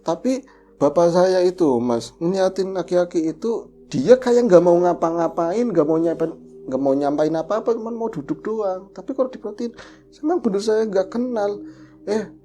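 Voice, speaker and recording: A man telling a horror story casually as a podcast co-host, lively and acting out the voices of the people in it. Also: high voice, moderate pace, slight background noise.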